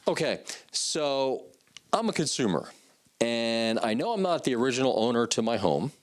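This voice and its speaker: A man's voice: mid-range voice, very animated, moderate pace. A man hosting an infomercial, presenting and putting leading questions in a conversational way. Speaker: infomercial host.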